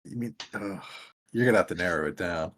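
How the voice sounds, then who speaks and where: A man's voice: low voice, fairly quick, a bit bright. A man chatting casually as a player in a tabletop game. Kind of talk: casual chat.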